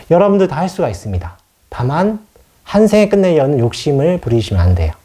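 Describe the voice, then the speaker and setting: Warm in tone and fairly high in pitch, this monk's voice carries an informal dharma lecture on Buddhist scripture. He explains as he goes, often raising a question and then supplying the answer himself.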